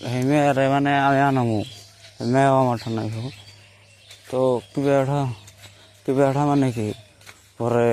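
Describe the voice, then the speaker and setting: A young man with a mellow, medium-pitched voice tells stories from his own life in a rural Assam Bengali dialect. He rambles casually, often circling back to repeat and rephrase what he said. There is slight background noise.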